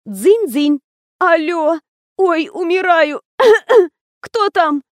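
A woman's voice: very high-pitched, a little slow, dry recording, voice pushed up. Woman putting on a whiny fake-sick young woman. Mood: pleading whine.

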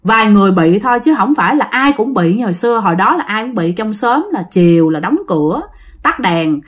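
A woman's voice: medium pitch, expressive, brisk. A woman with a Southern Vietnamese accent telling a ghost story in a chatty way, addressing her listeners directly.

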